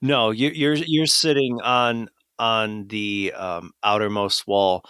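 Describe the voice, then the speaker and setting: A man narrates a tabletop game as its game master, walking the players through the scene in careful detail. His voice is smooth and resonant, sitting a little low, and his delivery is unhurried. The sound is dry and close. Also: steady tone, a bit bright, no room sound. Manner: methodical scene-setting descriptions.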